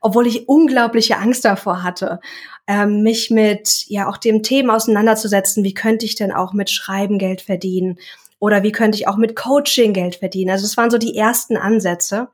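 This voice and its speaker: Her voice is medium-pitched and steady, moving at normal speed. The speaker is a young self-employed coach, a guest in a casual interview who sounds thoughtful and pauses to find the right words.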